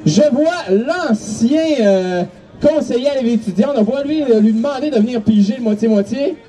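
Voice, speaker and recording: A man's voice: extremely high pitch, brisk, mellow, far from the mic, faint music behind. A man announcing over the stadium PA at a football game, calling contestants and hyping the crowd.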